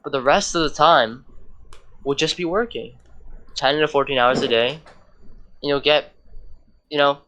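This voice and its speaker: A man's voice: fairly high pitch, a little slow, long pauses, bright, forceful tone. A teenage man on a podcast chatting casually, hyped up and slangy, saying bro and dude a lot. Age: teens. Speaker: podcast co-host.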